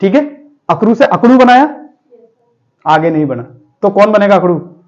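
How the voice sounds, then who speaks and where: A man's voice: sits high, animated, normal speed, dull audio. A man teaching a vocabulary class, explaining word meanings with memory tricks and asking his students questions.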